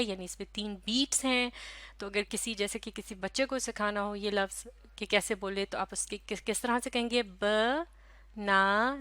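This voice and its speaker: A woman teaching a recorded lesson in a patient, unhurried way. She sounds out each word slowly and says it again. Her voice sits a little high and the sound is close and dry, with no room echo. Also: fairly bright tone. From Pakistan. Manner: slow, patient, spells out syllables and repeats words.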